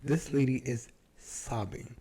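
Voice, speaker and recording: A man's voice: mid-range voice, slow, mellow, breathy edge, poor audio. A man co-hosting a podcast in casual chat, telling brash, profane stories and mimicking the people he quotes. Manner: brash, profane storytelling with put-on quoted voices. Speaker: podcast co-host.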